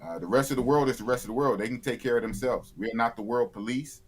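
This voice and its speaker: A man's voice: medium pitch, fast. Man, 50s, blunt, opinionated, repeats himself, casual interview guest. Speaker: YouTuber guest.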